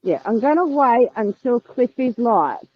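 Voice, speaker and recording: A woman's voice: on the high side, very animated, measured pace, crowd noise. A woman calling in through earbuds with a tinny sound, coming down with a cold, talking in a blunt, dry, weary way. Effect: tinny earbud mic over a call. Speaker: remote caller on a livestream. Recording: tinny, dry, phone-like call audio.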